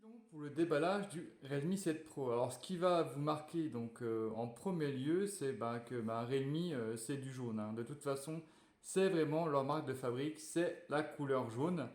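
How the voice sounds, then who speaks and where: A man talks slowly through an unboxing, casual and relaxed, stopping often for fillers as he goes. His voice sits mid-range and sounds roomy, as if he is in an echoey space. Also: mid-range voice. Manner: hesitant, many fillers, relaxed and chatty. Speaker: tech reviewer unboxing a phone. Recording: echoey room.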